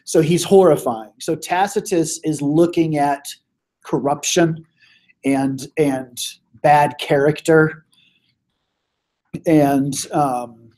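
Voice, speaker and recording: A male teacher who is losing his voice, leading a casual classroom review with lots of fillers and throat clearing. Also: fairly high pitch, steady tone, slow, pauses often, darkish tone.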